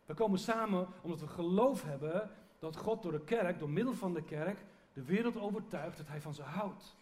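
A man's voice: high voice, normal speed, darkish tone. A man preaching a sermon to his church in an earnest, conversational way, often restarting his sentences. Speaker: pastor.

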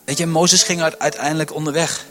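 High-voiced impassioned male preacher. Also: steady tone, a little fast, soft background music. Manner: impassioned, builds to near shouting; repeats words as he starts sentences. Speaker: pastor. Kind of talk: sermon. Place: church stage.

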